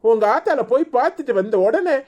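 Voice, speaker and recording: A woman's voice: high-pitched, animated, brisk, a little mellow. A woman voicing a weary, exasperated husband in a cartoon, scolding and fed up, with a Tirunelveli Tamil accent.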